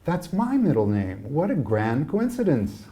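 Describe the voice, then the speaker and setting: A man's voice: a little high, wildly swooping pitch, unhurried, warm tone, pitched above the performer's own voice. A man lifting his voice for a breezy, confident young heiress. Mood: breezy teasing. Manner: breezy, teasing, eager. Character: confident upper-class girl of about twenty.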